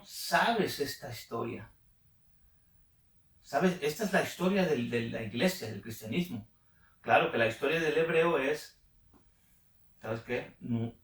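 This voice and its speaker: A man leading a Bible study, reading passages aloud and then explaining them, checking in with his listeners through frequent questions. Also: mid-range voice. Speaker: Bible teacher. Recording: roomy echo, distant mic.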